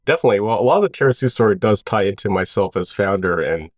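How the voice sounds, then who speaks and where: Low-voiced man telling his story. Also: quick pace, no echo, dull audio. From Hawaii. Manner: relaxed and rambling, with many "you know" fillers. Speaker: founder of a clothing brand, guest. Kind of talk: casual interview storytelling.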